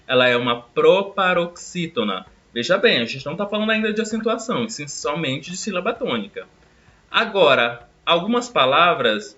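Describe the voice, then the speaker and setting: A man teaching a recorded grammar lesson, explaining step by step and drawing out example words slowly. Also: on the high side, bright, forceful tone, highs cut off.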